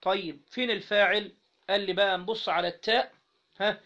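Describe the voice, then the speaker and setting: A man with an Egyptian Arabic accent teaching Arabic grammar to a class, asking students questions again and again and spelling out syllables slowly. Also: high voice, steady tone, pushed and bright. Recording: dull lo-fi recording.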